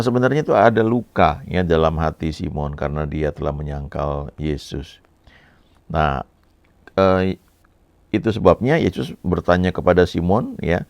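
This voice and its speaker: A man giving a sermon, reading a Bible passage and then explaining it in a relaxed, conversational way with frequent fillers. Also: rumbling low, creaky, dry recording, highs cut off. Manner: reads scripture then explains in casual speech with many fillers. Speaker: preacher.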